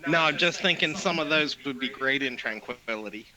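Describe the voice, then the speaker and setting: A man's voice: mid-range voice, expressive, a little fast, crowd noise, rough recording. A man playing a tabletop game, chatting casually and thinking aloud warily. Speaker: player.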